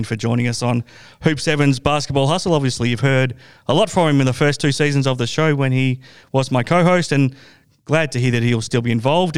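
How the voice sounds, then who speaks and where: A man's voice: mid-range voice, smooth. A man hosting a basketball talk show in a casual, upbeat chat. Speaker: basketball podcast host.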